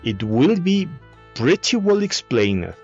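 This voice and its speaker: A man with a Spanish accent talks slowly in English, his second language, stopping often to search for words. His delivery is halting, with frequent fillers and restarts. The recording is dull and lo-fi, with faint music underneath. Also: a little high, very animated, a little mellow, breathy edge. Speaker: video essayist. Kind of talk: casual monologue.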